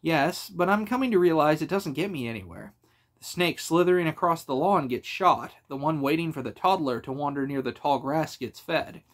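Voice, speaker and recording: A man voicing a brash young adventurer in an audiobook reading, with a wry, animated delivery. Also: on the high side, normal speed, close to an everyday voice. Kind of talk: audiobook character voice.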